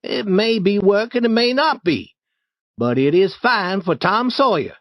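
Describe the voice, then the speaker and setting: A crafty young boy talks up his chore with coaxing, boastful charm, as a male storyteller puts him on. The voice sits far higher than the reader's own and swings lively up and down. The recording is dry and slightly dull. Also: measured pace, no echo. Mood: sly. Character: clever young boy painting a fence.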